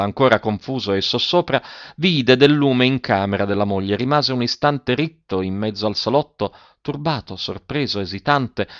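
Low-voiced man reading a novel. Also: fairly bright tone, no echo. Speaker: narrator. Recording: dull lo-fi audiobook recording.

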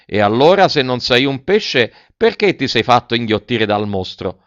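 A man's voice: mid-range voice, moderate pace, no room sound. A man voicing a resigned, philosophical tuna fish with a cracked, twangy voice like an out-of-tune guitar. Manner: calm, resigned and wry. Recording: dull, dry audiobook recording.

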